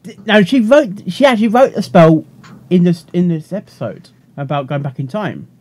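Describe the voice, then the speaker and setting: A man's voice: high-pitched, expressive, moderate pace, darkish tone. A man in casual commentary chat, inquisitive and asking many questions. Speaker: co-host reviewing a cartoon episode.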